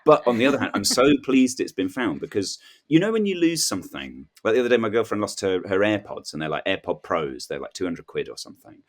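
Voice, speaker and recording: A comedian guesting on a podcast tells rambling, self-deprecating anecdotes in a halting, conversational way. His voice sits on the low side and swings widely in pitch.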